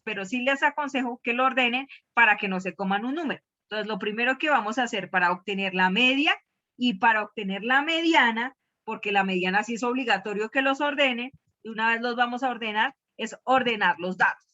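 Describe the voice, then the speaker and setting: A woman leads a math class, firing questions at her students and repeating key terms again and again. Her voice sits fairly high and sounds bright and forceful. The recording is dull and lo-fi. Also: brisk. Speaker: math teacher. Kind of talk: classroom teaching.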